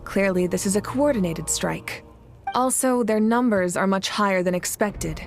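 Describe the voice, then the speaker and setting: A woman playing a composed, caring leader in a video game, speaking in a measured, formal, authoritative way. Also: mid-range voice, lightly acted. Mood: grave. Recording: music behind the voice.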